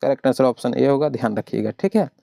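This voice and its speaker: A male teacher leads an online exam-prep class, explaining step by step, asking the students questions and answering them himself, and repeatedly calling the listener "brother". His mid-range voice is animated, fast, creaky and mellow, captured in a dry, studio-quality recording.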